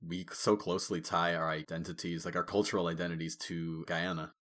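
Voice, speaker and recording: A man's voice: deep voice, flat delivery, brisk, fairly bright tone. A man who grew up in the United States, co-hosting a podcast, enthusiastic and appreciative toward his guests. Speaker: podcast co-host. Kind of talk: casual chat.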